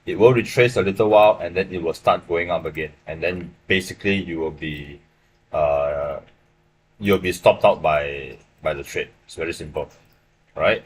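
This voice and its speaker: Young man, Malaysian English accent, very deep voice, faint hum, casual live-stream trading talk, keeps asking "right?". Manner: casual, explanatory, checks in with "right?" often. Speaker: livestream forex trader. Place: small room indoors.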